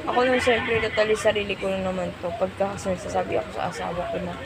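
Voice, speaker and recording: A woman with a Filipino accent, a mother chatting casually and haltingly to her vlog viewers in a confiding way. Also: mid-range voice, level tone, a loud crowd. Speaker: vlogger and mother. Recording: noisy phone video with loud ambient noise.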